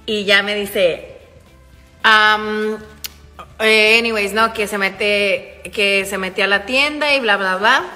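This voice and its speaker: Bright-voiced Mexican woman telling gossip. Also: mid-range voice, long reverb tail. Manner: profane slangy talk addressed to "chicas". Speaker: livestreamer and online shop owner. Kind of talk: casual live-stream gossip storytelling. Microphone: phone.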